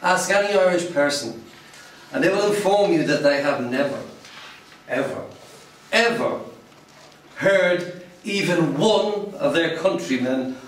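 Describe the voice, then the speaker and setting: A man with a slightly high, animated voice delivers a prepared speech to a club audience, a little slow and pausing often. He's theatrical, wry and emphatic, and the club meeting room is very echoey, his voice coming from far off.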